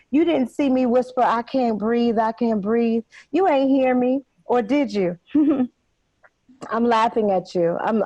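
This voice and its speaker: A high-voiced woman delivers a dramatic spoken-word poem with fierce defiance, confronting an unseen officer. Her delivery swings from taunting to low and brooding. The sound is close and dry, with no room around it. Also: no room sound, low-quality recording. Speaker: poet reading her work.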